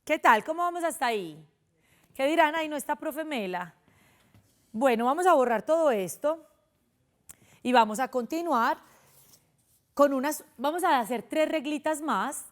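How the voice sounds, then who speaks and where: A Colombian woman in young adulthood leads a televised spelling lesson for children. Her voice sits fairly high, and she explains each step patiently and keeps asking the children questions. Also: expressive, normal speed, pauses often. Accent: Colombian Spanish. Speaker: primary school teacher.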